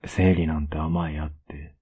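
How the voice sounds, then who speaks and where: A young man with a Kansai accent in a whispered role-play as a blunt, rough-spoken boyfriend who is caring underneath, recorded close up at home. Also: a bass voice, level tone, measured pace, warm tone. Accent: Kansai Japanese. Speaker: voice actor playing a boyfriend.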